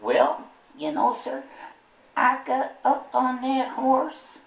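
A man's voice: very high-pitched, big pitch swings, takes it slowly, gravelly, pitched above the performer's own voice, exaggerated voice. A ventriloquist man voicing a bumbling, folksy old male bird puppet who rambles in country talk. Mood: rambling. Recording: roomy echo, from far off.

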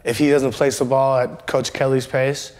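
A man's voice: medium pitch, level tone, normal speed, background noise. A young man, a football player, chatting in a laid-back way in an interview. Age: young adult.

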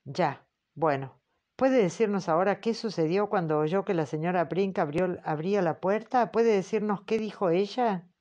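A woman reading the part of a formal man questioning a witness, slow and patient. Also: fairly low pitch, mellow, dull audio, lightly acted. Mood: probing. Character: measured male examiner, formal and patient. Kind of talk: audiobook character reading.

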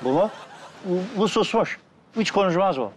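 A man's voice: high-pitched, lively intonation, moderate pace, a little hiss or hum. An actor playing an eager, chatty man in a neighbourhood crowd.

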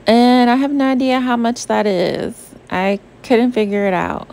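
A young woman from the Southern United States narrates a shopping trip as a vlogger, her slightly high, mellow voice carrying some vocal fry at a measured pace. She sounds chatty and bubbly with lots of "um" and "like," and the voice-over was recorded away from the pictured store over faint background music.

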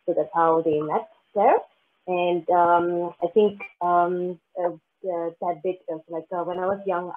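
A young woman from Malaysia presenting her journey in a webinar, chatty with many uhs and likes, speaking through a headset. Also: lowish voice. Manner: chatty, fillers like uh and like. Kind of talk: casual webinar talk. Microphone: headset on a video call. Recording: tinny phone-like call audio.

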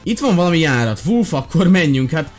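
A man hosting a gaming video, giving excited, chatty commentary straight to his viewers. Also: a little high, faint music behind.

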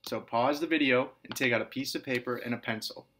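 Speaking at a medium pitch and a slightly fast pace, a man teaches writing to kindergarten and first grade kids in a recorded lesson, with slight background noise. He stays clear and patient, restating each point and calling the children scholars. Example sentences get a lively, sing-song emphasis.

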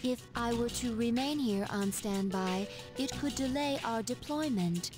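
A woman's voice: fairly high pitch, unhurried, close to an everyday voice. A woman voicing a formal female android soldier who speaks in a stiff, mechanical robotic manner, in video game voice acting. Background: game music.

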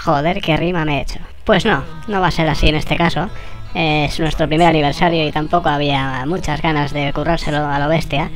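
A channel host with a Spain Spanish accent, voice sped up like a tape on fast forward, giving a sarcastic, swear-laden anniversary monologue. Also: mid-range voice, fairly even intonation, faint music behind. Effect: sped-up squirrel voice, like a tape on fast forward.

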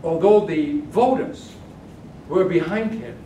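The older man's voice is on the high side yet dark in tone, and he takes a slow pace. A German keynote lecturer answering conference questions, he speaks hesitantly, restarting and using fillers. The echoey, noisy recording came from a far room camera in a big carpeted hall.

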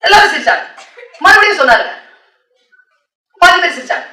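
A woman delivering a motivational talk in a lively storytelling manner, her voice high and bright. She slips English words into her speech. The sound is roomy and distant, caught from across a hall. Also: fairly quick. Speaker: motivational speaker. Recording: echoey hall, distant mic.

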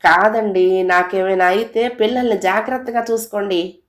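A tender, loving young mother in an audio story, as a woman narrator puts her on. She speaks softly and pleadingly. Her voice sits a little higher than the narration. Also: fairly even intonation, moderate pace, roomy sound, lightly acted.

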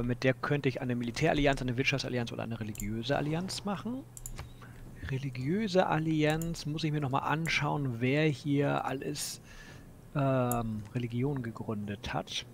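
A man's voice: medium pitch, a little hiss or hum. A man co-playing a strategy game, casually explaining his moves with self-mocking humor. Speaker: co-player in a let's play. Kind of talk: casual gameplay chat.

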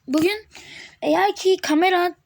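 Excitable high-voiced woman gaming. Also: normal speed, vocal fry, slight background noise. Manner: excitable, teasing, talks to the game. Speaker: gaming channel host. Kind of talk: live gameplay commentary.

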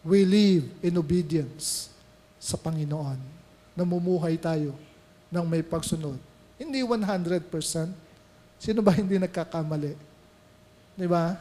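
A man's voice: on the high side, measured pace, pauses often, warm tone, long reverb tail. A male pastor with a Filipino accent preaching a sermon, switching between Tagalog and English and asking the congregation questions. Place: church sanctuary.

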